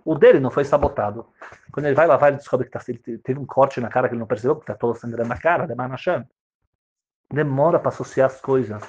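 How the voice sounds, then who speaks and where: A man's voice: medium pitch, fast, darkish tone, husky, dull audio. A man teaching a Torah lesson, reading Hebrew verses and explaining them with theatrical, dramatized storytelling.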